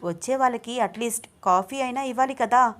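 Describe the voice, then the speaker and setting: Fiery young wife, voiced by a woman, higher and louder than the reader; scolds sharply. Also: brisk, close to an everyday voice. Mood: light. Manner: scolding, shrill when annoyed. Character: young wife, shy but fiery when angry. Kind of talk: storybook reading.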